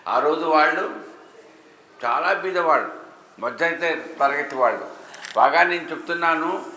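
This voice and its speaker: A man's voice: a little high, measured pace, bright, forceful tone. Emphatic man preaching in an echoey hall. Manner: emphatic, rhetorical questions to the audience. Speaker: religious speaker. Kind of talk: devotional discourse. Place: temple hall with an audience. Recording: echoey hall, faint ambience.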